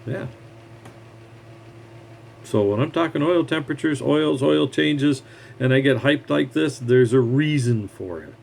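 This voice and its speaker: A man's voice: medium pitch, a little slow, gravelly, pauses often, darkish tone, slight background noise. A mechanic, a man, giving blunt, heated advice in a scornful rant straight to the camera. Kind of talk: ranting advice monologue.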